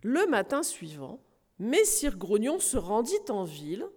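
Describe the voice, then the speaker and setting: Woman preacher, slow lively storybook reading, long hall reverb. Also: medium pitch.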